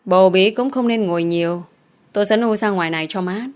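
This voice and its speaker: A woman's voice: medium pitch, quick pace, darkish tone, smooth, natural voice. Woman reading as a bold young daughter, blunt, cutting, storybook reading. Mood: firm. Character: sharp-tongued young peasant daughter, bold.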